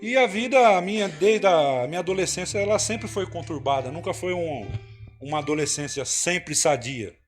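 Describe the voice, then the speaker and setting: A man's voice: on the high side, normal speed, soft background music. A man giving an emotional, earnest personal testimony in church, telling his story with frequent tag questions.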